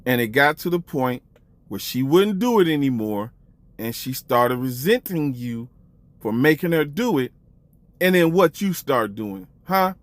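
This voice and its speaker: Speaking to the camera at a measured pace, a man with a medium-pitched, animated voice delivers mocking online commentary. He draws out accusations and poses teasing rhetorical questions, and there is no echo.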